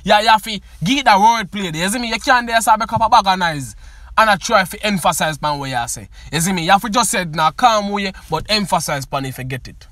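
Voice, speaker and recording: A man's voice: high-pitched, fast, pushed and bright, no room sound. A man with a Jamaican accent giving a casual, emphatic review of a song. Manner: emphatic, keeps asking "you see me". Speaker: music reviewer.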